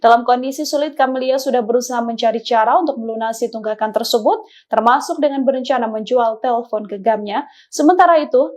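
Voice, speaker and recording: A woman narrating a scripted news report in a measured, formal way. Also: fairly high pitch, darkish tone.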